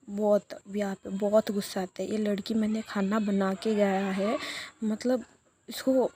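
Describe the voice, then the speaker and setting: A woman's voice: mid-range voice, warm tone, breathy edge. A woman casually retelling a love story episode in a chatty way, with many fillers and lightly acted quoted lines.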